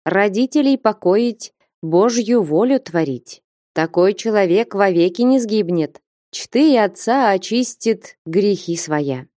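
A woman's voice: mid-range voice, lively intonation, takes it slowly, mellow, no room sound, clean studio sound. Woman voicing a stern old merchant father. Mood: fatherly. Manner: solemn, emphatic. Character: stern elderly merchant father, warm-hearted.

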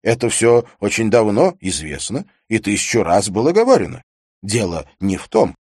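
Man doing a high, loud, eloquent debater in a storybook reading: lecturing, sure of himself, husky edge, very lively. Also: moderate pace, no echo, clean studio sound. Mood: confident arguing. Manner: calm, forceful, lecturing. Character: eloquent confident young male debater. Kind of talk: audiobook character reading.

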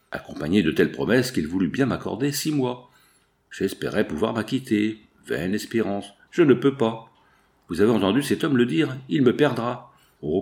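Man narrating a classic novel. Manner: reads all parts, shifting pitch for each character. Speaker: audiobook narrator.

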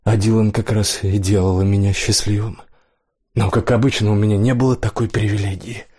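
Man reading a story in a measured voice. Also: on the low side, level tone, warm tone, breathy edge. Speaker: narrator. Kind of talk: audiobook reading.

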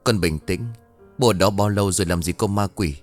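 A man's voice: low voice, a little fast, faint music behind, close to an everyday voice. A man voicing a worried middle-aged father who soothes and questions his daughter in a ghost story. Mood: soothing. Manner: soothing, then scolding.

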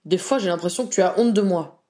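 A woman's voice: fairly low pitch, fast talker, mellow, natural voice. A woman voicing a sincere, worried young male wizard who speaks in a reassuring way.

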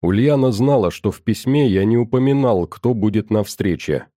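A man calmly narrating a novel in the first person in a measured tone. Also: fairly low pitch, dry recording, clean studio sound. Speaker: audiobook narrator.

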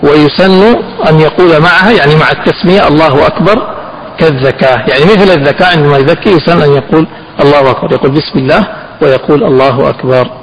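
A man teaching a fiqh text. He asks his students questions, answers them himself, and slows down to stress the key phrases. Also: fairly high pitch, poor audio. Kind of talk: classroom lesson explaining a text.

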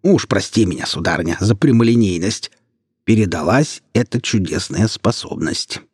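A man's voice: fairly low pitch, animated, normal speed, darkish tone, breathy edge, no echo, clean studio sound. A man voicing a bald, self-taught male mage with old-fashioned, courtly manners in an audiobook.

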